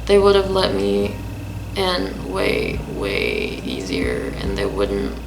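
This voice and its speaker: Slow, gravelly-voiced young woman storyteller. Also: extremely low pitch, huge pitch swings, slight background noise, low-quality recording. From Lebanon. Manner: earnest, thoughtful, with hesitant fillers. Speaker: vlogger. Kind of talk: personal storytelling. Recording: music playing behind.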